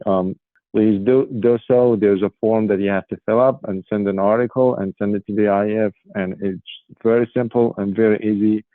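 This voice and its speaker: A man in his forties from Morocco, giving earnest interview answers with frequent um pauses. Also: lowish voice, no room sound. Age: 40s. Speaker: guest, pigeon racing federation official. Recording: tinny phone line, dry.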